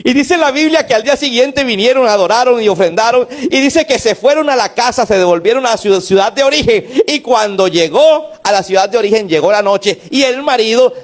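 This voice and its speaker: A man's voice: extremely high pitch, animated, fairly quick, few pauses. A male pastor preaching a sermon, retelling a story, acting out the people in it and putting questions to the congregation.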